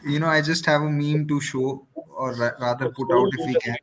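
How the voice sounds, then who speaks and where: A man with an Indian accent chatting casually about sport live, haltingly and repeating his phrases. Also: on the high side, steady tone, poor audio. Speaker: cricket watchalong panelist.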